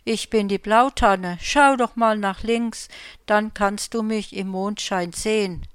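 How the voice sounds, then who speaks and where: A woman voicing a friendly, talkative blue spruce tree in a storybook reading, calling out brightly. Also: medium pitch, fairly even intonation, takes it slowly, clear, resonant tone, no room sound, clean studio sound, voice pushed up, lightly acted. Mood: lively. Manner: calls out loudly and brightly.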